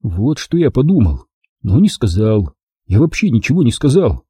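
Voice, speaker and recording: A man's voice: mid-range voice, big pitch swings, normal speed, dark tone, husky, no echo. A man narrating a children's story in the first person as an audiobook reader.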